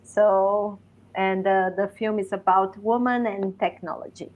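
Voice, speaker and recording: A Brazilian woman talks slowly on a video call, choosing each English word with care. Her Portuguese accent stays clear throughout. Her pitch sits in the middle. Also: fairly even intonation, muffled recording, slight background noise. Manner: careful, searching for words. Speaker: film director, guest.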